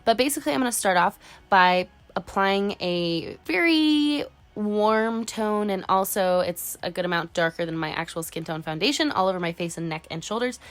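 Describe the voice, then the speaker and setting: With a lively, mid-range voice at normal speed, a twenty-something beauty vlogger talks through her makeup tutorial despite a congested cold. She keeps it chatty and casual, dropping "like" often.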